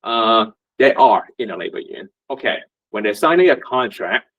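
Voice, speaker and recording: Speaking expressively at normal speed, with a fairly low pitch, a Vietnamese union representative gives a conversational meetup presentation. Rhetorical questions and fillers run throughout, and the audio is muffled and lo-fi.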